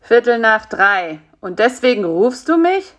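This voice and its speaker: A woman's voice: on the high side, very animated, a little slow, pitched above the performer's own voice. A woman voicing a grumpy, lazy male spider in a storybook reading, grumbling and dismissive. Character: grumpy, lazy male spider who wants his nap.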